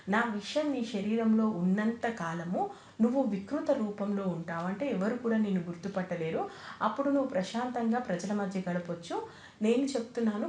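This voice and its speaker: A woman's voice: mid-range voice, a little mellow, reverberant. A woman retelling an old epic story in a casual, conversational way, quoting the characters in plain everyday speech.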